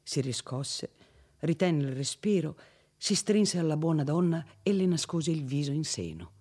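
A man's voice: a little high, sing-song, unhurried, a little mellow, slightly rough. Man reading a classic novel aloud. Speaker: audiobook narrator. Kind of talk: literary reading.

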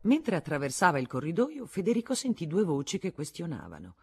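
Guy reading a novel out loud, lots of pitch movement, measured pace. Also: wildly swooping pitch, slightly rough, faint music behind. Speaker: narrator. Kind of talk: audiobook narration.

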